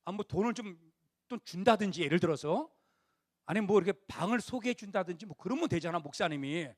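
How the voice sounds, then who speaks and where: This is a sermon from a fast-talking middle-aged pastor whose voice sits high. Addressing young adults, he alternates between friendly storytelling and forceful peaks close to shouting, sometimes slipping into conversational impressions of the characters he quotes.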